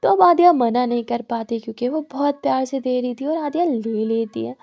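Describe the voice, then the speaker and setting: A woman narrating a love story in a lively storytelling manner. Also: high-pitched, a little fast, creaky, lo-fi sound.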